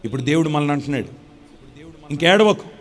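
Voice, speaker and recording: Man, preacher, fervent sermon, high voice, repeats lines. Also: animated, normal speed. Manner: fervent, repeats phrases and calls for amen.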